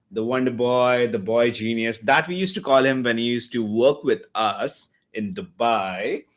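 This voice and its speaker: A man's voice: mid-range voice, fairly bright tone. A man hosting an online meetup on a video call, introducing the next speaker in a chatty, joking way with fillers.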